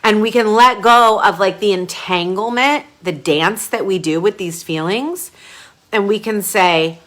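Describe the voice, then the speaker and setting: A woman brand coach runs a live group coaching session, chatting casually with frequent fillers and breaking into sudden gushes of excitement. Her voice is mid-range and her pace unhurried.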